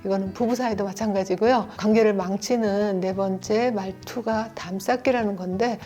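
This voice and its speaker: A middle-aged woman speaking in a calm, steady lecture voice about raising children. Her pitch sits in an ordinary middle range. Now and then she acts out short lines a parent or child might say. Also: moderate pace, soft background music. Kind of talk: educational lecture video.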